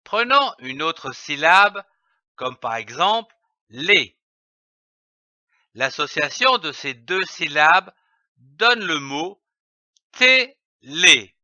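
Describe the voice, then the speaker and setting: A man teaching children to read, spelling out letters and syllables slowly and stressing each sound, on a dull, lo-fi recording. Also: a little high, very animated, bright, forceful tone, no echo. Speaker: reading teacher. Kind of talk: slow, carefully enunciated reading lesson.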